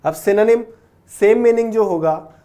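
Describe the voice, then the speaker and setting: A man's voice: high voice, moderate pace, mellow. A young man teaching vocabulary in a classroom lecture, explaining word roots patiently and often checking with "okay?", with English words mixed into his Hindi.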